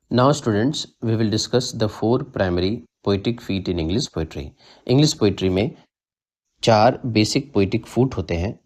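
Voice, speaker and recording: A man narrating a literature lesson, reading terms in English and explaining them in Hindi. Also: on the low side. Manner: measured, explains each term in Hindi after reading it in English. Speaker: literature teacher.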